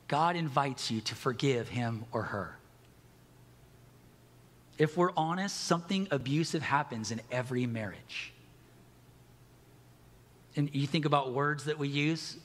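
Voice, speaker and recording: A man's voice: mid-range voice, fairly bright tone, big-room sound. A middle-aged man preaching a sermon as pastor, candid and conversational, with self-deprecating humor.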